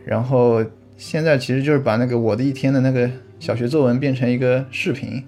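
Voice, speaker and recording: A man's voice: medium pitch, fairly even intonation, a little fast, a little mellow, faint music behind. Man explaining at length in casual chat. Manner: explanatory, thinks aloud with restarts and easy laughs. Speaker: podcast guest, vlog creator.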